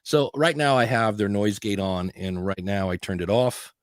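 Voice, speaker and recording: On a studio dynamic mic, a podcast host with a lowish voice chats casually about audio gear at a moderate pace. He rambles, often restarting sentences or quoting himself. The studio-quality sound has no room tone.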